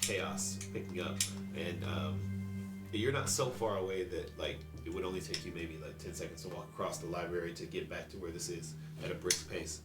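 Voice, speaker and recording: Deep-voiced man running a tabletop game. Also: fairly even intonation, moderate pace. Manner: hesitant, full of fillers. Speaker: game master. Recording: roomy, distant mic, music behind.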